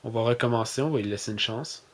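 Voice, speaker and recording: A man's voice: mid-range voice, a little hiss or hum. Hesitant Québécois man demoing a phone. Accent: Québécois French. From Quebec, Canada. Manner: hesitant, many fillers, louder and slower when giving voice commands. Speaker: tech video host. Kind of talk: casual tech demo.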